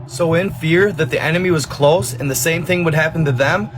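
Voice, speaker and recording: A man's voice: fairly high pitch, fairly quick. A man narrating eerie legends and strange encounters in a dramatic, suspenseful storytelling manner. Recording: faint music behind.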